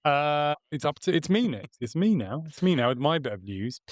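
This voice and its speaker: A man's voice: on the high side, very animated, normal speed, no echo, studio quality. A man hosting a podcast, running through gaming news in a chatty, self-assured way. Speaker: podcast host. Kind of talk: casual chat, news rundown.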